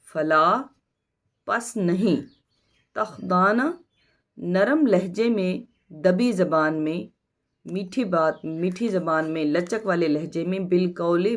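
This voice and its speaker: A woman with a Pakistani Urdu accent teaches a recorded lesson, her voice set a little low. She reads word meanings slowly and stresses each one as she explains it to her students.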